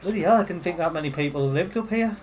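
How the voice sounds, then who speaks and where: A man's voice: fairly high pitch, animated, quick pace, faint music behind. A man with a Northeast English Sunderland accent, chatting casually while streaming retro games, full of "like" fillers. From Northeast England. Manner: chatty, nostalgic, frequent "like" fillers.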